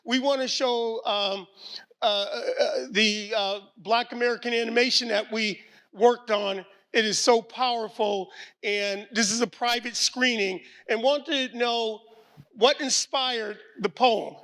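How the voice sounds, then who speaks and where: A man from Connecticut hosts an event over a video call with a very high, bright voice. He is excitable and loud, cheering his guests on. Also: unhurried. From Hartford, Connecticut. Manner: enthusiastic, shouty, hypes his guests. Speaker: host and producer.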